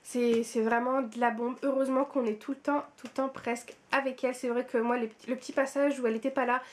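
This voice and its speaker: A woman's voice: fairly high pitch, steady tone, fast talker. A woman with a French accent chatting casually about her month's reading for her book vlog, repeating words for emphasis with many fillers. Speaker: book vlogger.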